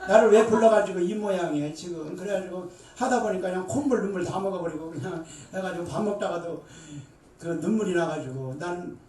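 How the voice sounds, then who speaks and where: A middle-aged woman, a seminary dean, preaching a Bible lecture with emphatic, animated delivery to an audience. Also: on the low side, fairly quick, slight background noise. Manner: emphatic, animated, with bursts of shouting and laughter. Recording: echoey room, voice far from mic.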